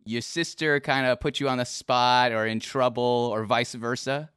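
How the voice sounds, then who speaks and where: A man's voice: medium pitch, steady tone, normal speed, a bit bright, clean tone, no room sound, clean studio sound. A man streaming, chatting casually with a guest, teasing and laughing easily, often repeating his words. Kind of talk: casual chat.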